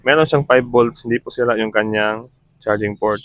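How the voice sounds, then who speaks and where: A repair technician from the Philippines gives a casual demo vlog, explaining his work step by step and mixing in English terms. His medium-pitched voice has fairly even intonation and a moderate pace, with no echo.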